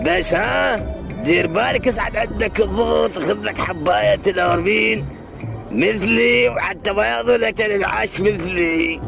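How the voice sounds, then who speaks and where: A man's voice: sits high, normal speed, vocal fry. A man playing a bossy, folksy village man with an Iraqi Arabic accent in a comic dialect skit. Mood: insistent. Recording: music behind the voice.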